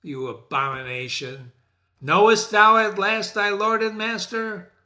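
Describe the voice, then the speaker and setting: A man's voice: sits high, unhurried, pushed and bright, voice pushed up, exaggerated voice. A man voicing a sly, commanding male devil who talks in a mocking, lordly way. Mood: lordly scorn.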